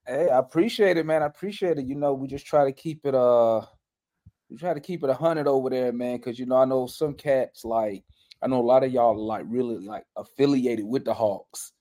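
A man's voice: medium pitch, a little fast, mellow. A man talking casually as a podcast guest, colloquial and emphatic, often repeating himself for effect. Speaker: podcast guest, fan show host. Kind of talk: casual chat.

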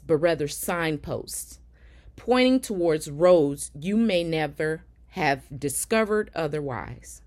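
With a fairly low pitch and a darkish tone, this podcast host works as an affirmation coach. She reads motivational lines from a script in a measured, earnest and encouraging way.

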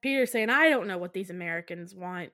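A woman around thirty co-hosting a podcast, retelling a film in an animated, giggly way and acting out the quotes. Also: lowish voice, brisk, dry recording, clean studio sound. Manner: animated, giggly storyteller who acts out quotes. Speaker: podcast co-host. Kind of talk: casual chat.

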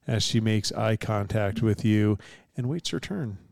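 A man's voice: fairly low pitch, expressive, measured pace, gravelly, darkish tone, no room sound, studio quality. A man narrating as game master for a tabletop game, playful and chuckling as he describes the gore.

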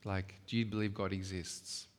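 Low-voiced man teaching a workshop. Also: little pitch movement, moderate pace. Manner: conversational, emphatic, with rhetorical check-ins. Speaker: workshop speaker. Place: church hall. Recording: long hall reverb.

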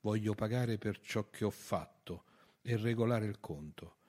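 A man's voice: lowish voice, unhurried, darkish tone. A man voicing a tormented, scarred outlaw in an audiobook reading, intense and challenging. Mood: anguished.

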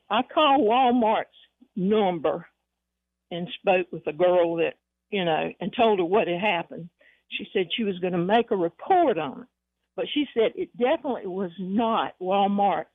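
A woman calling in to a radio show, telling a chatty story and quoting what people said. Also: mid-range voice. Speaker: caller. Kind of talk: telling a story on a phone call. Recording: tinny phone line.

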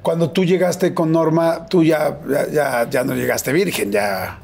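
A man's voice: a little high, steady tone, unhurried, vocal fry, darkish tone. A man with a Mexican Spanish accent hosting a casual interview, joking and reacting eagerly in slang. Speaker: interview host.

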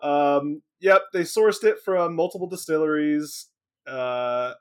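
A man co-hosting a podcast in casual chat, animated and laughing often. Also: on the high side, slow pace, smooth. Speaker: podcast co-host.

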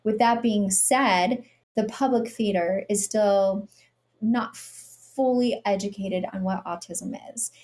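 Speaking slowly in a darkish, mid-range voice, a middle-aged woman appears as a podcast guest; she's a nonprofit CEO. Her earnest storytelling sometimes slips into sarcastic impressions of what others said.

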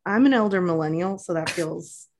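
A woman's voice: on the low side, moderate pace, darkish tone, a little hiss or hum. A woman in her thirties co-hosting a podcast, chatty and self-deprecating, with lots of ums. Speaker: podcast co-host. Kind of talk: casual chat.

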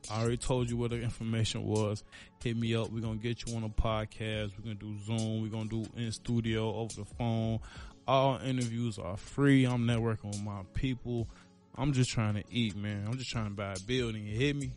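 A man's voice: lowish voice, flat delivery, brisk, darkish tone, soft background music. A man hosting his own podcast, talking casually in a rambling, laid-back way with lots of fillers and slang, a little out of breath. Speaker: podcast host. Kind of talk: casual solo podcast outro.

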